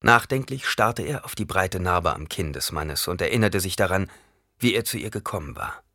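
Male audiobook narrator, husky voice, lowish pitch, lively intonation, dry close sound. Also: normal speed, no echo. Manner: expressive storytelling. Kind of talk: scripted narration.

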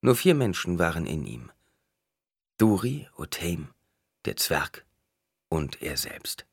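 A man narrating a novel as an audiobook in an expressive, dramatic reading. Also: low-pitched, slow, vocal fry, husky, no echo, clean studio sound.

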